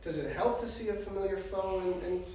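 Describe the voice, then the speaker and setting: A man reporter asking measured questions at a press conference. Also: sits high, a little mellow, slight background noise. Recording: distant, very echoey room.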